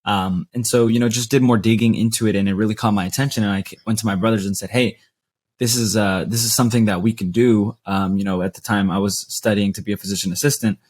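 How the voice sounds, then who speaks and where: A twenty-three-year-old man, a podcast guest telling his story in a relaxed way with fillers. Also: fairly low pitch, fast. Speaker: guest, real estate investor. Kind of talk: interview storytelling.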